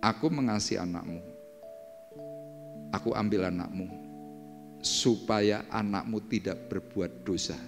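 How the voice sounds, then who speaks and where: A preacher softly voicing a gentle, loving God. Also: male voice, fairly low pitch, unhurried, vocal fry, pauses often. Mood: tender. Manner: soft, tender, calm. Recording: echoey church hall with faint music.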